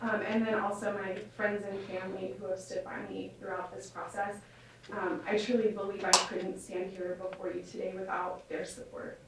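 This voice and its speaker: A nervous woman reading a prepared victim impact statement aloud in a courtroom, measured and formal with soft fillers, captured on a courtroom recording. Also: medium pitch, level tone. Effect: courtroom audio recording. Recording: echoey courtroom, distant mic, faint hiss.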